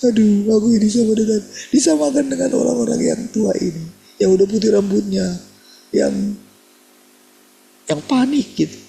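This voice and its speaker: Man putting on a shrill, panicky wife. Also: moderate pace, creaky, pauses often, dark tone. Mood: distressed. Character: frightened wife, woman, tearful and panicky.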